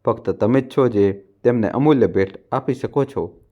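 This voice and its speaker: A man's voice: medium pitch, moderate pace, dark tone, close to an everyday voice. A man reading a coaxing scheming elder son. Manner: coaxing, persuasive.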